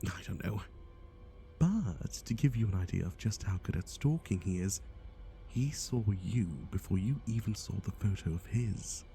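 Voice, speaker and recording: Over soft background music, a voice actor with a lowish, dark, expressive voice at normal speed plays a flippant, scatterbrained boss of a matchmaking agency in an ASMR roleplay. He rambles offhandedly and mutters asides to the listener, blasé and darkly comic.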